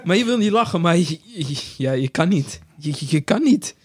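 Man, slightly high voice, animated storyteller in casual chat. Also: moderate pace. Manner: animated anecdotes with acted quotes and laughter.

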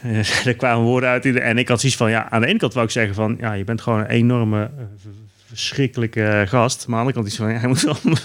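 A man on a casual podcast, telling an everyday anecdote in a relaxed way, full of "eh" and "I was like". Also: medium pitch, quick pace. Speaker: podcast co-host.

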